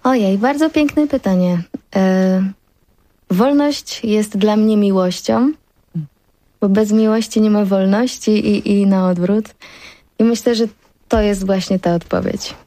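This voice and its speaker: A young woman from the Podhale highlands, a singer guest in a radio interview, bubbly, laughing often and pausing to find words. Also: dark tone, no echo. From Podhale, southern Poland. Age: young adult. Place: radio studio.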